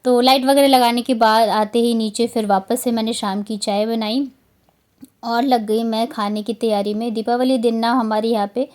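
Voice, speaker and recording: A woman's voice: on the high side, fairly even intonation, moderate pace, darkish tone. A woman in her thirties from Bihar, narrating her home vlog in a chatty, rambling way with many fillers. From Bihar, India. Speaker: vlogger. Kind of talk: casual vlog voice-over narration.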